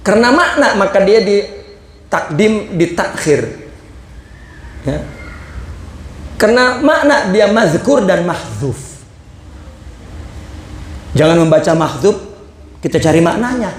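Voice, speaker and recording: Slow, high-voiced Indonesian religious teacher. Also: male voice, animated, echoey room. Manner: reads a phrase of the text, then explains it in plain words. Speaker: religious teacher reading a Sufi text. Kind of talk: religious lesson, reading and explaining.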